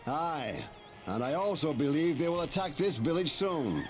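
An actor playing an earnest veteran army captain in a fantasy game, speaking in mock-archaic, biblical-sounding formal phrases. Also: male voice, fairly high pitch, sing-song, normal speed, soft background music. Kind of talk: scripted fantasy game dialogue.

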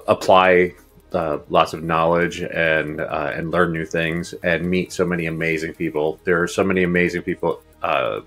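This guest futurist, a man in his fifties from Uruguay, has a deep, somewhat bright voice. Speaking through earbuds on a video call from his home office, he answers interview questions casually and at length, rambling with many fillers, ums, and restarts.

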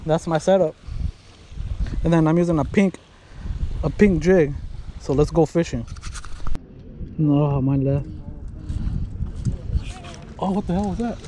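A man in his thirties rambles casually to his viewers, his voice sitting high. He's recorded on an action camera out on a waterfront pier. Steady outdoor noise runs under everything he says. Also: unhurried, pauses often. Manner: rambling, chatty, talks to viewers as "boys". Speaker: fishing vlogger. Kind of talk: casual vlog narration.

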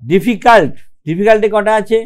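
Male grammar teacher, Bengali accent, higher-pitched voice, patient step-by-step explainer. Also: a little fast, a little mellow. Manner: explains step by step, often checks with "okay?"; mixes English terms into his explanations. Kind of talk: online grammar lesson.

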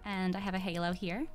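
A woman's voice: medium pitch, gravelly. A woman streaming in character as a demon monarch, talking in a playful, teasing, giggly way.

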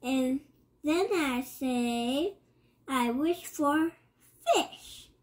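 A young reader, a child with a high voice, reads a rhyming picture book aloud. The reading is extremely slow and halting, sounding out words and often repeating them.

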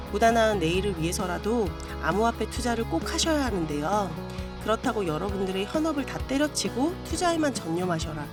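Female video host, medium pitch, earnest persuasive scripted promo read, music bed clearly present. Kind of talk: scripted promotional narration addressed to viewers. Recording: voice over prominent background music.

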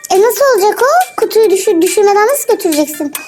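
A young mother talks through a video game with her child, coaching, soothing and laughing often in a chatty way. Her voice sits very high and swings widely up and down. Clear game music plays underneath the whole time. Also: very animated, fast talker. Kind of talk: casual gameplay commentary to viewers.

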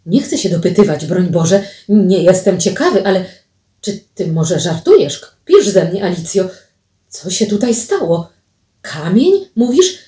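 A woman's voice: lowish voice, animated, a little slow, dark tone. A woman reading the part of a shocked, squeamish young man who protests in indignant outbursts. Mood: appalled. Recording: roomy, distant mic.

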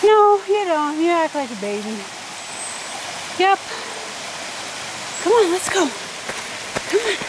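A woman's voice: very high voice, sing-song, slow pace, pauses often. A woman talking to her dog in a coaxing, sing-song way while hiking a forest trail, recorded on a handheld camera. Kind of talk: casual talk to a pet while hiking. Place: outdoors on a forest trail by a stream. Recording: outdoor camera with loud stream noise.

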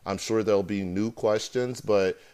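Smooth low-voiced male host. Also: fairly even intonation, moderate pace, a little mellow. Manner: hesitant, many ums and uhs. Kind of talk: live internet talk show.

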